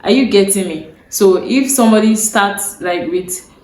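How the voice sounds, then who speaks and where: A young Nigerian woman, Yoruba by mother tongue, delivers earnest career advice to camera at a measured pace in a medium-pitched, darkish voice. She circles back to her main points and checks in with those watching, and the recording carries a roomy echo with faint ambience.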